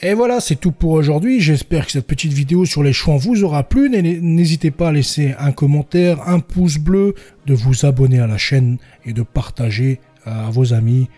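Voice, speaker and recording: A man narrating historical court testimony for a podcast, voicing the quoted villagers a little higher and stumbling now and then. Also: moderate pace, hardly any pauses, mellow, soft background music. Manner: reads quoted villagers with raised pitch, slips and restarts.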